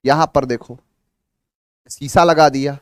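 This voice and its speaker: A male grammar teacher giving a live online lesson, animated, acting out imagined student replies in quick back-and-forth dialogue. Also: on the high side, dry recording, studio quality.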